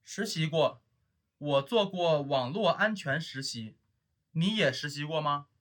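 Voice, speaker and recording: A man with a somewhat high voice reads lines from a textbook conversation. He speaks in a careful, measured way, as in a prepared lesson recording. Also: lively intonation, a bit bright. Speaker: dialogue reader in a language lesson. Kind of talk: scripted textbook dialogue.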